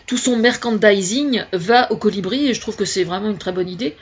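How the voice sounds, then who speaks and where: Woman, husky voice, chatty and hesitant, restarts often; lo-fi, muffled recording. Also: medium pitch, brisk. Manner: hesitant, searching for words with many restarts. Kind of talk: casual spoken opinion monologue. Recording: dull lo-fi recording.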